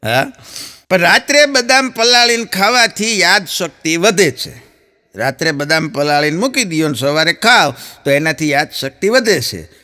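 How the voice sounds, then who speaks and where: Lively bright-voiced Saurashtra comedian. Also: male voice, fairly high pitch, normal speed. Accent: Saurashtra Gujarati. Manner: chatty storytelling, laughing at his own punchlines, acting out quoted voices. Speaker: stand-up comedian. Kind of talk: Gujarati stand-up jokes.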